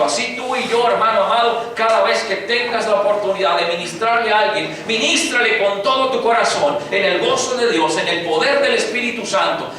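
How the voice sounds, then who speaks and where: A man's voice: high-pitched, bright, forceful tone. A man preaching a sermon as pastor, asking the congregation rhetorical questions and speaking to them directly. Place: church sanctuary. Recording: echoey church, distant mic, background noise.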